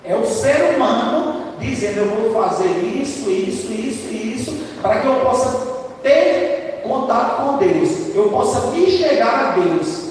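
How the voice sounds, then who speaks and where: In a big, echoey church sanctuary, a lay preacher gives an expressive sermon at a measured pace, his high voice hoarse. He speaks loudly and conversationally, often using tag questions to engage the congregation. The recording is distant, with a slight hiss or hum.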